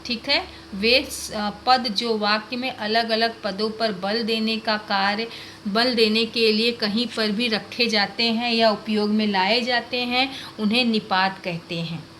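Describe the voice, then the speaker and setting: A woman's voice: fairly high pitch, fairly even intonation, takes it slowly, a bit bright, slight background noise. A woman teacher giving a grammar lesson to children, explaining patiently and asking them questions.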